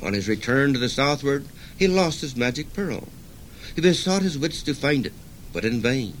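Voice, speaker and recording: A man reading as a calm old sage. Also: medium pitch, moderate pace, a little hiss or hum, voice pushed up, close to an everyday voice, rough recording. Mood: instructive. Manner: gentle, instructive, calm. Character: calm wise old male sage teaching stillness.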